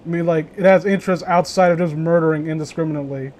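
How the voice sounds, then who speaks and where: A man's voice, fairly high and steady in tone, quick in pace and a little mellow, with slight background noise. He's a streamer hosting a group story reading, chatting casually in a rambling, opinionated way with plenty of swearing.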